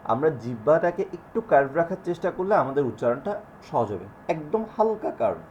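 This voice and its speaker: A man teaching Quran recitation rules in an online class, slowly drilling example syllables over and over. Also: on the high side, sing-song, a little mellow. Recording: dull lo-fi audio with faint noise.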